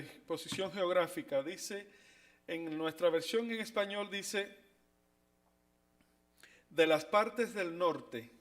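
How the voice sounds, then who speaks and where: This high-pitched man leads a Bible study, questioning his class as he goes. His speech is halting and full of fillers and restarted sentences.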